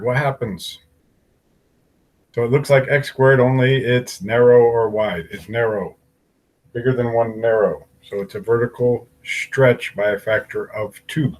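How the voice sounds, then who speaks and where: A man's voice: on the low side, breathy edge, low-quality recording. A man teaching an algebra lesson, working through graphs step by step and asking the class questions aloud. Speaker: math teacher.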